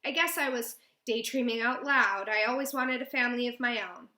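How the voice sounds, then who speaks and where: A woman voicing a gentle, wise old grandmother in a storybook, speaking softly and haltingly, in a roomy echo. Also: fairly high pitch. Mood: earnest.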